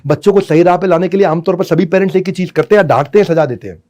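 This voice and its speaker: A man with a fairly high voice delivers a motivational lecture on parenting. His delivery is dramatic, jumping from loud bursts to hushed asides. He slips terms his talk. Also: very fast. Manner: dramatic, swings from loud scolding to soft asides. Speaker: business consultant and parenting coach.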